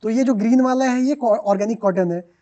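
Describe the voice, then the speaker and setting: A man, a startup co-founder, answering podcast interview questions in a steady explanatory way and mixing in English business terms. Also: very high-pitched, brisk, dull audio. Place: podcast studio.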